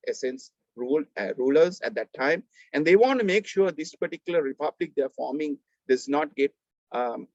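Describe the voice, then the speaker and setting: A man with a Sri Lankan accent lecturing an online class, explaining a text in a halting, emphatic way, rephrasing and repeating as he goes, over a video call. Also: medium pitch, a little mellow, no room sound. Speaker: university lecturer. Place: online video call, close dry sound. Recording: slightly dull video call audio.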